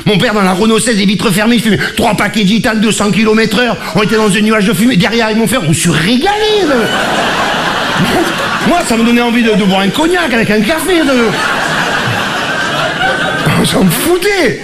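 A man, doing a rambling, self-mocking stand-up routine with quick asides and stammered restarts. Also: sits high, expressive. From Marseille, southern France. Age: 40s. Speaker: stand-up comedian. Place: live comedy stage before an audience. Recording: live show with crowd noise. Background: audience laughter.

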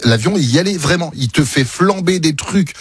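A man's voice: fairly high pitch, expressive, normal speed, breathy edge, no echo, studio quality. A man with a French accent telling anecdotes enthusiastically in casual chat as a radio guest.

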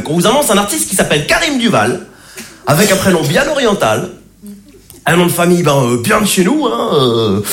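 A man's voice: high-pitched, fairly bright tone. A man doing a stand-up routine, playful and teasing toward his audience. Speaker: stand-up comedian. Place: comedy stage before a crowd. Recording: echoey stage with audience.

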